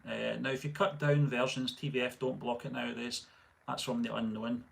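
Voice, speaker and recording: Reading viewer comments aloud on a casual live stream, a middle-aged channel host from Scotland rambles in a relaxed manner, with plenty of fillers and restarts. He speaks at a normal speed in a gravelly, medium-pitched voice with a Scottish accent.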